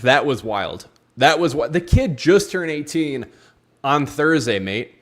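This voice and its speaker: A man co-hosts or guests on a football talk show, chatting casually about the game in a slangy, matey way and repeating points for emphasis. His voice is fairly high and fairly bright, animated, with a slightly slow pace.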